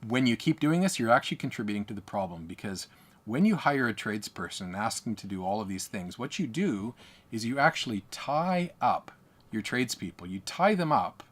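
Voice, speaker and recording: A man's voice: medium pitch, breathy edge. An Australian man coaching business owners, talking emphatically and repeating his points. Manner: emphatic, repetitive, lecturing. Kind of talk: speaking to camera.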